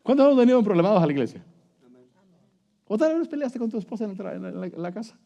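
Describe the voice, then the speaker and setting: A man's voice: sits high, sing-song, fast, creaky, warm tone, dull audio. A middle-aged man preaching a sermon, emphatic and storytelling, calling listeners brother.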